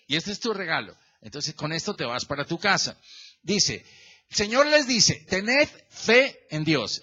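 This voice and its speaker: Man preaching, bright high voice, lively swooping delivery, quizzes the congregation, dull lo-fi recording. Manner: questions the congregation often and calls on members by name; lively and animated, stretching the verse phrase by phrase. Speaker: pastor. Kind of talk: sermon.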